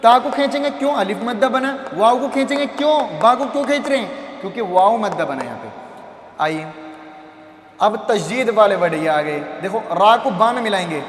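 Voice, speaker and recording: A man's voice: high-pitched, animated, moderate pace. A man teaching how to read Arabic letters, patiently repeating syllables and asking and answering his own questions. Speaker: Quran reading teacher. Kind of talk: slow phonics lesson on Arabic letters. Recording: echoey hall with faint ambience.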